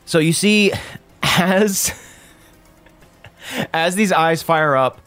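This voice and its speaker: A man's voice: on the high side, very slow, a bit bright, soft background music. A man narrating a tabletop game as the game master.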